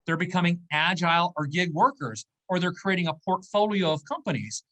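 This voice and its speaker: His voice pushed and bright, this man in his fifties sits high in pitch and talks fairly quickly. He's a business owner being interviewed as a guest, casually explaining and asking "okay?" and "right?" along the way.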